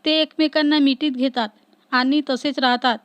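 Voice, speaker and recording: The voice sits high for a woman, and she keeps her narration steady and even. The sound is dry and close, with no room in it. She tells the story in a plain scripted manner. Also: moderate pace, no room sound, muffled recording. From Maharashtra, India.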